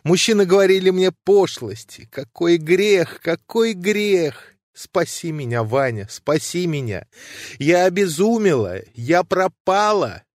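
A man's voice: sing-song, unhurried, no room sound, studio quality. A man reading an audiobook, voicing a distraught young woman who pleads in anguish. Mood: anguished pleading. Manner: anguished, pleading, raised pitch. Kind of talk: audiobook reading of classic prose.

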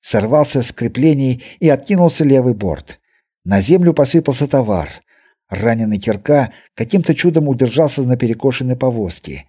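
A man narrating an adventure audiobook with expressive storytelling. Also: medium pitch, normal speed, husky. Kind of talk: scripted narration.

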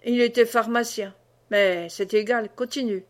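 Brief: woman reader doing a subdued young peasant man, low and quiet, storybook reading. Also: fairly even intonation, unhurried, lightly acted. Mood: wary.

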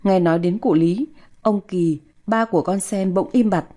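Mellow-voiced woman telling a sad tale. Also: medium pitch, normal speed. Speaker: storyteller. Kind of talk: scripted narration of a folk tale.

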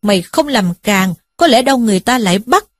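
A woman's voice: fairly high pitch, lively intonation, brisk, dry recording. A woman voicing a shrewd middle-aged village headman who scolds in a commanding way. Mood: scolding.

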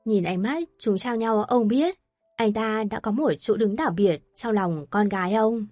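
A woman narrating an audio story with steady, even storytelling. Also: mid-range voice, a little slow, no room sound, clean studio sound, soft background music.

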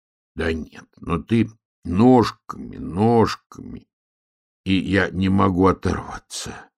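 A man voicing a gentle, good-natured young male bear cub in a storybook reading, speaking slowly and a little puzzled. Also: sits low, lively intonation, vocal fry, slightly rough, heavily acted. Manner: slow, unhurried, puzzled.

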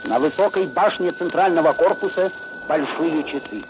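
A man's voice: fairly high pitch, normal speed, lo-fi sound, music in the background. A man gives wartime radio reportage from a moving car, on an old recording.

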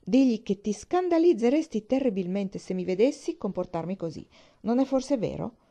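A woman's voice: medium pitch, expressive, moderate pace, dark tone. A woman reading aloud and voicing a gushing, theatrical young woman in an audiobook. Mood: effusive.

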